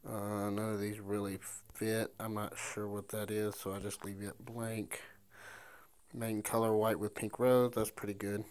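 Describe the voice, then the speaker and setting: A man's voice: fairly low pitch, level tone, unhurried, darkish tone, clear, resonant tone. A man reselling storage-unit finds, talking through an online listing step by step and thinking aloud as he types. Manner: talks to himself while typing, thinking aloud. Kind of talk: screen-recorded listing walkthrough.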